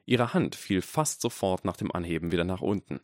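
A man narrating a fantasy audiobook chapter in an expressive, dramatic storytelling manner. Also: sits low, brisk, dry recording, clean studio sound. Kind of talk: scripted narration.

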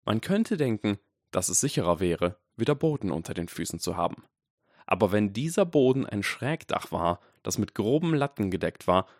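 A man narrating a fantasy audiobook chapter in an expressive, dramatic storytelling manner. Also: fairly low pitch, no room sound, studio quality. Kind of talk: scripted narration.

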